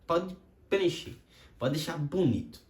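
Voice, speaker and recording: A man voicing a calm, patient father who speaks low and gently to his son. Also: a little slow. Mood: calm, gentle. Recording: roomy echo.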